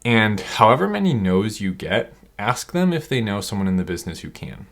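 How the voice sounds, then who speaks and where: A man with an energetic, rambling manner, coaching online sellers through a screen-share tutorial. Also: lowish voice, fairly quick. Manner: energetic, rambling, self-interrupting.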